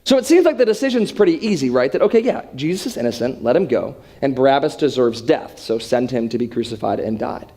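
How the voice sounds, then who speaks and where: A man's voice: medium pitch, expressive, quick pace, few pauses, dark tone. A young man giving a storytelling sermon to students in a dramatic, conversational way. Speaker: youth speaker.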